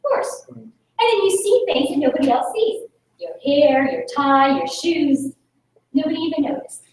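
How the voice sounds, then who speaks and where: Her voice high and her pace moderate, a native Tagalog speaker from the Philippines energetically addresses a club meeting in a talk with Q&A, pulling the audience in through rhetorical questions. The meeting room echoes heavily, faint noise hums under her, and she is a little distant from the mic.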